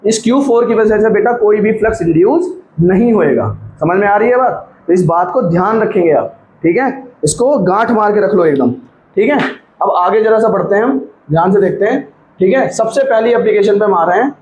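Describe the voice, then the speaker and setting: Guy teaching physics, pretty high voice, says everything twice, keeps asking if you get it, echoey room. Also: animated, brisk, a little mellow. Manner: repetitive, coaxing, keeps checking students follow; light teasing asides. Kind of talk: classroom lecture at a board. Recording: echoey room with faint background noise.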